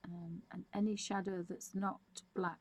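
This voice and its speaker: A woman's voice: on the low side, level tone, a little slow, a little mellow. A woman giving a casual, unscripted art tutorial, musing and thinking aloud as she draws. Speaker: digital art tutorial presenter. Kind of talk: casual, unscripted demonstration commentary.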